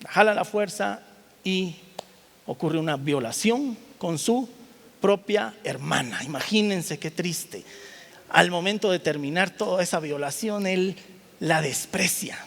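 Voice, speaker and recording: Male preacher, higher register, animated storyteller who keeps checking in with his audience, recorded with long reverb. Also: a little slow, creaky. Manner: animated storytelling, acting out the characters' lines; asks the audience rhetorical questions. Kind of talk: sermon retelling a Bible story. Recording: reverberant hall.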